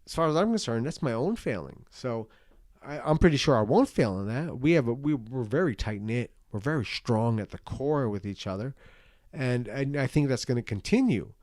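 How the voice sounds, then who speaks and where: A drunk man talks through his opinions in a medium-pitched voice, rambling and circling back on his points. He is earnest, emphatic and blunt. The sound is dry, with little room to it. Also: lively intonation, moderate pace, darkish tone, no room sound. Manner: earnest, emphatic, repeats himself. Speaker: parent giving personal opinions. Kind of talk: rambling rant to an online audience.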